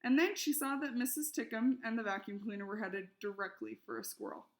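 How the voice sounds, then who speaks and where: A woman reading a children's novel aloud, expressive and lively in the characters' shouted lines. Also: fairly high pitch, fairly quick. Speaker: reader.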